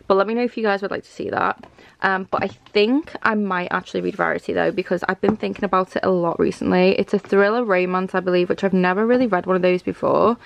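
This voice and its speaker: A woman in her 20s chats casually for her book vlog from a small furnished room at home, thinking aloud in an indecisive, rambling way. Her medium-pitched voice is steady, quick and gravelly.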